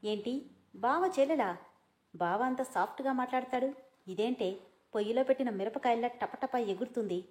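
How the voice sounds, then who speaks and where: A woman voicing a hot-tempered, sharp-tongued young man who scolds angrily. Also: fairly high pitch, normal speed, lightly acted. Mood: indignant. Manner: angry, scolding.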